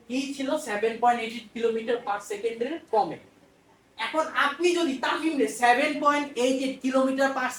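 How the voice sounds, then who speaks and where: A high-pitched woman with a Bangladeshi Bengali accent explains physics in a casual, talkative lecture. She repeats her phrases and answers her own questions. Her voice sits a little away from the mic in an echoey room. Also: distant mic. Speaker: physics teacher. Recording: roomy echo, off-mic.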